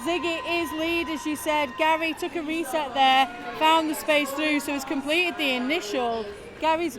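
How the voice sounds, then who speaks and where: A woman with a Northern English accent commentating live roller derby, chatty and quick to laugh with her co-host. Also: high voice.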